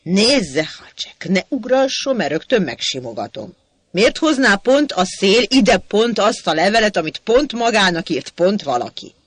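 A short-tempered man, played by a man who keeps losing patience and raising his voice. Each outburst climbs well above the reader's usual pitch and swings widely. The recording is dry and close. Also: very animated, dry recording, heavily acted. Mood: exasperated. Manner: loud, exasperated outbursts. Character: irritable, exasperated man who keeps shouting.

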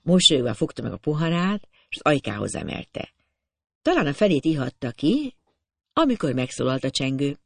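A man narrating a classic novel as an audiobook in a steady storytelling manner. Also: fairly high pitch, vocal fry, dry recording. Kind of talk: scripted narration.

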